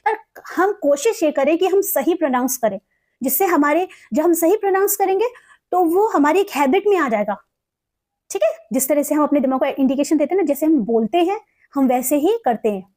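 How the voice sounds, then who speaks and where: A young Indian woman teaching English vocabulary, explaining meanings and reading example sentences slowly and carefully. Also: sits high, expressive, a little mellow. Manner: mixes Hindi explanation with slow, carefully read English examples. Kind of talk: explaining word meanings in a lesson.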